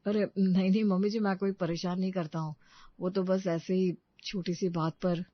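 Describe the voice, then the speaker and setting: A woman's voice: on the low side, little pitch movement, moderate pace, no room sound, dull audio, natural voice. A woman voicing a mild-mannered young husband in a cartoon story, speaking in a coaxing, placating tone. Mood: pleading.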